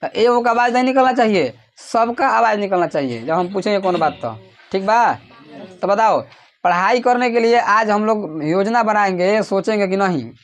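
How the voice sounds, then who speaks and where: A man's voice: high voice, expressive, normal speed, faint music behind. Bihari teacher quizzing his class. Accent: Bihari Hindi. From Bihar, India. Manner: calls out questions for the class to answer in chorus; raises his voice to a near shout at times. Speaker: coaching teacher. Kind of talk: classroom lecture to students. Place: classroom with students.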